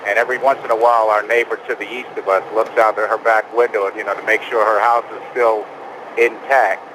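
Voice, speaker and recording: Low-voiced man reporting over clear background noise. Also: flat delivery, brisk. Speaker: TV news photographer reporting by phone. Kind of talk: live eyewitness storm report.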